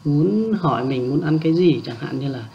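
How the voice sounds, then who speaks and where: A man teaching a language lesson, hesitant with many filler sounds, repeating example words slowly. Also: on the high side, expressive, gravelly. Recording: dull lo-fi recording with faint background hum.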